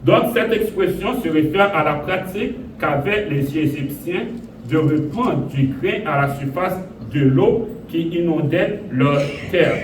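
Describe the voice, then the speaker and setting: A male pastor from Haiti delivers a sermon at a deliberate, unhurried pace, his voice sitting a little high for a man. He repeats phrases and pushes some words up in emphasis. The sound is roomy and distant, with clear background noise from the church. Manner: slow, repetitive preaching with emphatic rises. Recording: echoey room, voice from a distance, audible noise.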